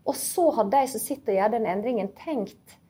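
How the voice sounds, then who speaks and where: A woman's voice: a little high, expressive, dark tone, husky. A woman co-hosting a podcast, giving earnest, encouraging advice in a casual chat. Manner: earnest and encouraging, explains firmly. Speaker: podcast co-host.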